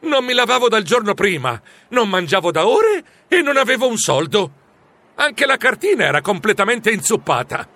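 A man narrates a storybook in the first person, animated and exclamatory. His voice sits high and swoops widely, with a bright, forceful edge. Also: normal speed. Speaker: audiobook narrator.

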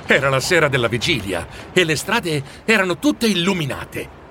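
A man reading a storybook aloud in an expressive, animated way. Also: a little high, moderate pace, background noise. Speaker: narrator. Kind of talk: storybook narration.

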